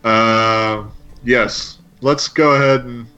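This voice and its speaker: A man's voice: mid-range voice, fairly even intonation, slow pace, pushed and bright, clear, resonant tone. A man narrating a tabletop game as game master, laying out each scene step by step in an easygoing way. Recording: dull lo-fi stream audio with faint music.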